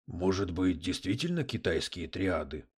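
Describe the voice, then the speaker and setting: A man's voice: sits low, big pitch swings, normal speed, husky, full character voice. A man doing a brash, mocking detective. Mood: scoffing. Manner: crude slang, sarcastic, loud.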